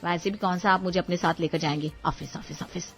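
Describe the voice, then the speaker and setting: A woman's voice: fairly low pitch, steady tone, fast talker, faint music behind, natural voice. A woman voicing a bossy, dramatic young wife in a cartoon, sassy and demanding. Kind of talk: cartoon voice acting.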